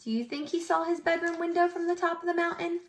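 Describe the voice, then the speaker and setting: Reading a picture book to a group of young kids, this very high-pitched woman teaches preschool. Her delivery is expressive, and she stops now and then to pose questions to the children.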